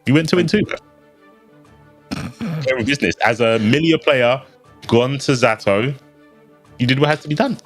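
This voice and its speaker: A man's voice: medium pitch, moderate pace, pauses often, faint music behind. A man co-commentating a live fighting game with playful, joking banter. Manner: playful banter, loose and laughing. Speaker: esports co-commentator.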